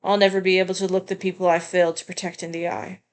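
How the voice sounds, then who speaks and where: A woman's voice: fairly low pitch, flat delivery, fast talker, clear, resonant tone, close to an everyday voice. A woman reading aloud the lines of a proud, cornered male scientist in a video game, in a dramatic, declamatory way. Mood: despairing.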